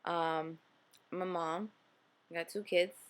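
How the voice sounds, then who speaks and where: A woman's voice: on the low side, steady tone, slow. A woman in her late twenties with a New Jersey accent, talking earnestly to camera in a casual motivational vlog, full of fillers and "okay?" check-ins. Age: 20s. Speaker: vlogger host.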